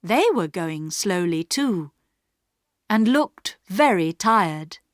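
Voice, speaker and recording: A woman narrating a story in slow, clearly paced English for learners. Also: lowish voice, animated, no echo, clean studio sound. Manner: clear, carefully paced reading.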